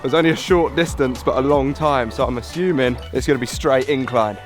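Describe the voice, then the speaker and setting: A man's voice: mid-range voice, moderate pace, faint music behind. A young man vlogging outdoors on a mountain hike, chatty, swearing and out of breath. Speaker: travel vlogger. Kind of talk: casual travel vlog.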